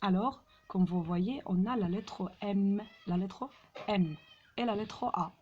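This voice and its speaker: A woman's voice: medium pitch, a little mellow, muffled recording. A woman teaching French to young pupils, patiently repeating each word. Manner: slow, patient, repeats words aloud.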